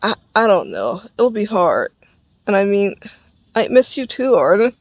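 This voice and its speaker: Man putting on an eager, bright teen boy. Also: big pitch swings, measured pace, no echo. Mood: wistful. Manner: eager and warm, pitched up and louder. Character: cheerful caring teen boy, the best friend.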